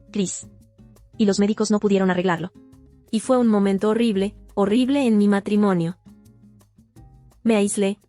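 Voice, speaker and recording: A woman narrating a first-person testimony as a voice-over, in a steady, sober storytelling manner. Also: medium pitch. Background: faint guitar music.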